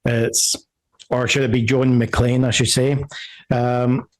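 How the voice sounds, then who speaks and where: A man narrating a tabletop game as game master. He speaks slowly and haltingly in a middle-range voice, filling pauses with ums and uhs. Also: mid-range voice, little pitch movement. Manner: slow, hesitant, many fillers.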